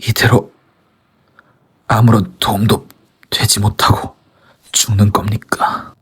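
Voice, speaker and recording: A man's voice: fairly low pitch, flat delivery, takes it slowly, slightly rough, heavily acted. A man playing a humble, fearful young soldier who is dying, weak and gasping, in an anime dub style. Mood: weak, pleading.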